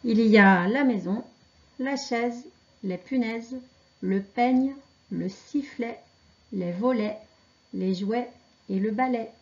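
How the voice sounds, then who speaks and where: A woman teaching children to read, pronouncing syllables and words slowly and carefully. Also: a little high, muffled recording. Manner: slow, carefully articulated dictation. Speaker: reading teacher. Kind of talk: slow reading lesson for children.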